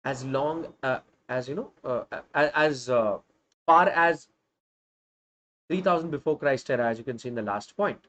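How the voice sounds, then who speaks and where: A man in his thirties teaching social science online runs an emphatic live revision class, his North Indian accent clear and Hindi phrases mixed in. His medium-pitched voice is a bit bright and moves at normal speed, captured with lo-fi sound.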